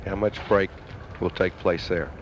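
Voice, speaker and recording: Male golf analyst, fairly low voice, conversational commentary, muffled noisy vintage sound. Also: steady tone, a little slow. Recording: dull, noisy vintage TV broadcast.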